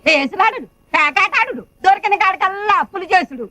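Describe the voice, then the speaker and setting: A woman's voice: very high-pitched, expressive, brisk, bright, forceful tone, exaggerated voice. An actress playing an older grandmother with a Telangana accent who grumbles and curses her son-in-law. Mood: grumbling. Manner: grumbling and cursing. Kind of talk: film dialogue.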